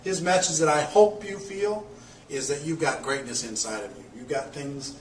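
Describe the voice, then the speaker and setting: A man's voice: fairly high pitch, normal speed, a little hiss or hum. A man hosting an interview and wrapping it up with an upbeat, emphatic sign-off. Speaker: host. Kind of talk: interview host wrap-up. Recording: roomy, distant mic.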